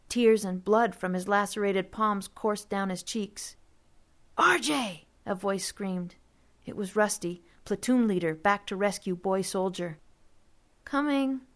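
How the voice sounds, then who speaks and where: A woman narrates a first-person story in audiobook style. Her delivery is steady and vivid, at an ordinary middle pitch.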